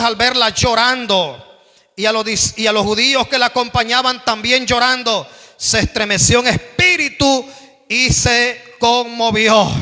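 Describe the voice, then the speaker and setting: High, bright-voiced fervent male preacher. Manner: fervent preaching, often addressing listeners as brother. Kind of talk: sermon. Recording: long reverb of a hall.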